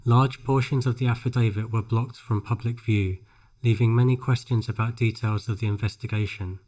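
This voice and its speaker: A man reads scripted narration for a pronunciation drill, phrase by phrase, with careful, measured enunciation. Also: medium pitch, fairly even intonation, darkish tone. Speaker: English shadowing practice narrator.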